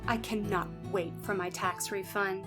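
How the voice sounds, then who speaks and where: A woman's voice: medium pitch, steady tone, unhurried, loud music behind the voice, close to an everyday voice. A woman playing an earnest, defensive young woman in a comedy sketch, speaking insistently.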